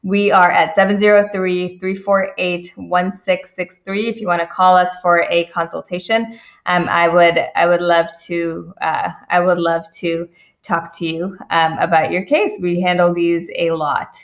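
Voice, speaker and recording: A woman's voice: on the low side, little pitch movement, a little slow. A woman who is an immigration attorney, answering viewer questions on a live stream, chatty and full of fillers and restarts. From India. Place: home office in the Washington DC area. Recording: dull lo-fi stream audio.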